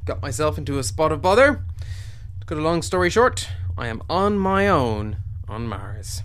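A woman's voice: deep voice, sing-song, moderate pace. A woman playing a bumbling, cheeky male mission commander who teases the crew and bursts into theatrical outbursts. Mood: rambling. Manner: jokey, teasing, theatrical outbursts.

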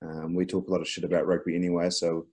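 A New man co-hosts a casual sports podcast in a very low voice. He talks in a relaxed way, hesitating often and filling gaps with ums. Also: quick pace. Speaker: podcast co-host.

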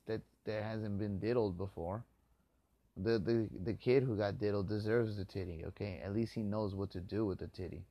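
A man's voice: fairly low pitch, gravelly, darkish tone, no echo. A man hosting a podcast, delivering a profane, hostile, ranting monologue into a close mic. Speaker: podcast host. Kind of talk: angry monologue rant.

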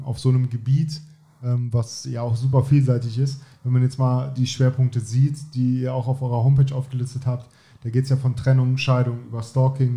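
A male podcast host with a dark, mid-range voice chats casually in an interview setting. He talks in long, rambling sentences and frequently tags them with "ne?".

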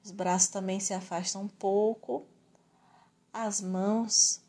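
A woman with a Brazilian accent teaching yoga and relaxation in a calm, soothing, measured way with gentle pauses. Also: mid-range voice. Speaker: yoga instructor. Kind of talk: guided yoga and relaxation instruction.

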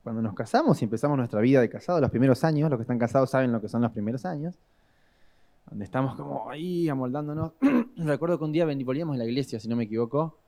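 A young man with a Rioplatense Spanish accent preaching a sermon, telling stories dramatically and swinging between loud and hushed delivery. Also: medium pitch, fast talker. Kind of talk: sermon with storytelling.

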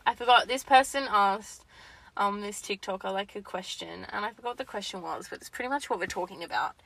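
Bright-voiced woman chatting casually. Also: mid-range voice, a little fast, vocal fry, rough recording. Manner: informal, sweary, slangy. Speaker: podcast co-host. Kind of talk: casual advice chat.

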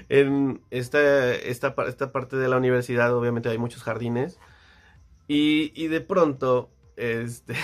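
A young man with a Mexican Spanish accent, casually telling a story with lots of slang and acted-out voices. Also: mid-range voice. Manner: slangy, animated, acts out voices.

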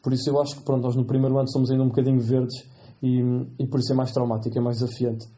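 Fast-talking young Portuguese man telling stories. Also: medium pitch. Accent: European Portuguese. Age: 20s. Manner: lively anecdotal storytelling, slangy. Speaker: guest, final-year medical student. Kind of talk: casual podcast interview.

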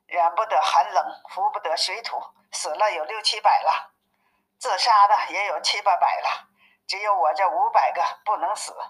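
A woman's voice: mid-range voice, normal speed, a bit bright, natural voice. Woman reading as weary, pleading suffering monks. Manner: pleading, lamenting. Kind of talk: storybook reading. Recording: narrow phone-like sound.

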